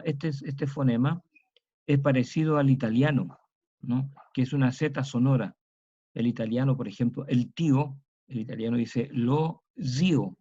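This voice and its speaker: A man with a Chilean accent gives a slow, patient lecture, repeating each key word aloud. His voice is mellow and dark, recorded dry and a little dull. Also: medium pitch, no echo. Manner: slow, explanatory, repeats words for emphasis. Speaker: teacher.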